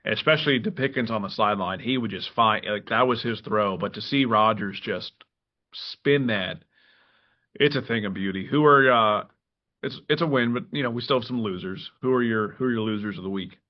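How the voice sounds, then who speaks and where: A man co-hosting a sports podcast in casual chat, animated and full of quick restarts. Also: lowish voice. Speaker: podcast co-host. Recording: dull lo-fi podcast audio.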